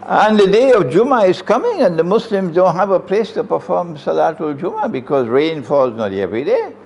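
With a little hiss or hum on the track, an older Trinidadian Islamic lecturer with a Trinidadian accent speaks into a stand mic close in front, indoors in a room with green chairs. His voice sits high, creaky and a little mellow, very animated at a moderate pace, as he emphatically asks rhetorical questions and gestures sweepingly.

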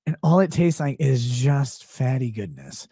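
A man's voice: mid-range voice, very animated, measured pace, dark tone, husky, no room sound. A man in his thirties hosting a live stream, ranting comedically and sarcastically on a close studio mic. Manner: sarcastic, rambling, jumps between voices. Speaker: streamer host. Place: small home studio room, indoors. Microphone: close studio mic on stand.

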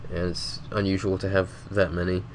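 A deep-pitched man sounding sick and congested, his nose stuffed up. He talks casually and loosely over gameplay, drifting between thoughts with frequent fillers. A faint hum of background noise sits behind him. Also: moderate pace. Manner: rambling, relaxed, lots of filler words. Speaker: gaming video host. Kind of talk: casual game commentary voice-over.

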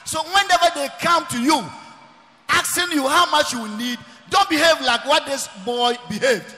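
A man preaching, emphatic and often shouting, repeating his phrases. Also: very high voice, normal speed. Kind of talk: preaching sermon. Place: large church hall. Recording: long reverb of a large church hall.

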